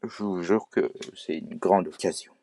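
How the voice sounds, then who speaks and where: A Québécois vlogger addresses the camera casually, stumbling through fillers and restarts. His warm voice sits low and moves at a measured pace, with a little hiss or hum underneath.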